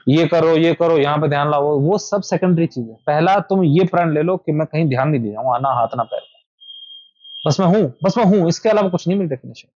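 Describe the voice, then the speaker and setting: Man, meditation teacher, somewhat high voice, repetitive instructive talk, dull dry recording. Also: fairly quick, a little mellow, dry recording. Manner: repetitive, instructive, addresses listeners directly. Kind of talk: informal spiritual talk to a small group. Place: indoor meetup room.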